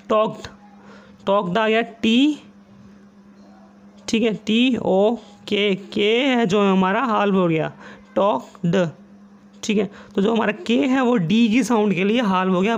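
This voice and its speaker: A young man teaches shorthand in a casual online lesson, his voice sitting high. He explains each step slowly and repeats points, reading rules aloud haltingly. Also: highs cut off.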